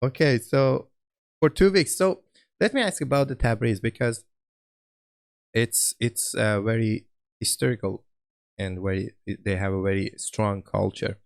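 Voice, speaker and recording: A man's voice: on the low side, unhurried, gravelly, pauses often. A man hosting a podcast, chatting casually, often restarting his sentences and laughing along with his guest. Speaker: podcast host. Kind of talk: casual interview chat.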